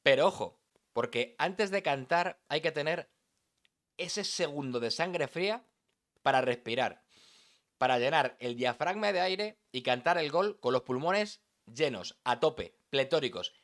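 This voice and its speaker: A man's voice: a little high, animated, a little slow, a bit bright. A man from teaching sports narration, talking emphatically and dramatically, addressing the listener directly. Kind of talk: instructional voice-over lesson.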